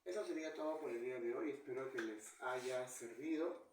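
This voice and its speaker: A man's voice: mid-range voice, normal speed, recorded from a distance, background noise. A man teaching a Spanish grammar lesson, who asks questions and answers them himself. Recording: echoey room, voice from off the mic.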